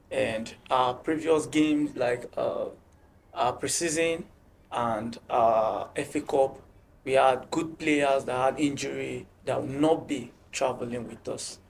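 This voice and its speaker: A man, captain of a football team, answering interview questions in a halting way, often repeating words. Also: mid-range voice, creaky, a little hiss or hum.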